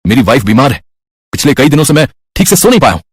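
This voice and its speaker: A woman voicing a shy, uneasy young husband in a storybook tale, speaking in a lowered, husky voice. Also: very animated, brisk, heavily acted. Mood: stern. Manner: hesitant, then stern. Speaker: narrator voicing a character. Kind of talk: storybook narration.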